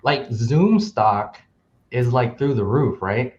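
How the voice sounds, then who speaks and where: A man co-hosting a relaxed real estate chat, speaking at an ordinary male pitch and laughing easily. His speech is loose and full of "like", and the recording sounds slightly dull and muffled. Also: slow. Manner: laughs often, uses filler "like". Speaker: podcast co-host. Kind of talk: casual panel talk.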